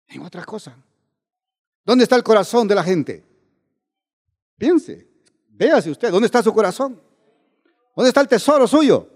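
A man's voice: high-pitched, big pitch swings, unhurried, pauses often, a little mellow, big-room sound. A male preacher delivering a sermon and questioning his listeners over and over. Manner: questioning the congregation with repeated tag questions.

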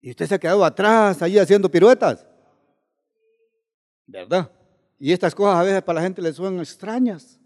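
A man's voice: sits high, normal speed, long pauses, a little mellow, big-room sound. A male preacher delivering a sermon and questioning his listeners over and over. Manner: questioning the congregation with repeated tag questions.

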